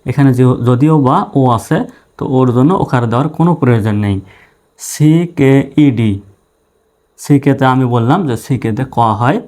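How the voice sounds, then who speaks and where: A man's voice: mid-range voice, a little mellow. Patient man teaching spelling. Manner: patient, spells letters out one by one and repeats. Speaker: English teacher. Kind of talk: spoken spelling and pronunciation lesson.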